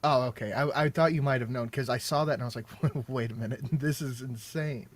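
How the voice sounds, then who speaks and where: Casting: male caller, mid-range voice, hesitant and halting. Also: mid-range voice. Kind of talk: casual livestream debate.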